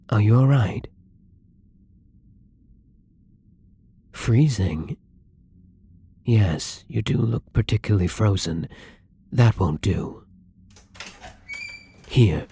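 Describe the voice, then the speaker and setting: Using a full character voice, a man portrays a tender male vampire for an intimate ASMR roleplay, speaking softly and caringly as though to someone close. His voice is very husky and breathy, fairly low, mellow, and dark. The mood feels caring and attentive, the manner soft-spoken, tender, and breathy.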